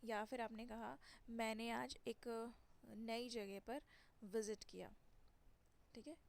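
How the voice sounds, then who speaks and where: Young woman, English vocabulary lesson, very slow, repeats each phrase, stresses words. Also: on the high side, fairly even intonation, gravelly. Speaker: English teacher.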